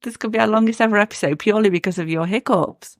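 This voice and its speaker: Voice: mid-range voice, fast talker, no echo, clean studio sound. A podcast co-host chatting casually about their show and music news, laughing often. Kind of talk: casual chat.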